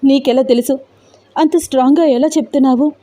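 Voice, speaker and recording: A woman's voice: sits high, fairly even intonation, fairly quick, mellow, no echo, voice pushed up, close to an everyday voice. A woman voicing a worried older sister who questions doubtfully in a storybook tale.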